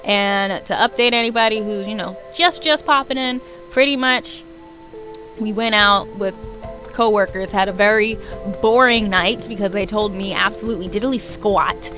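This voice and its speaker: A woman is livestreaming a game, chatting in a loose, playful way and reading a visual novel out loud. Her voice is medium-pitched, bright and forceful, at a moderate pace. Music plays behind her throughout.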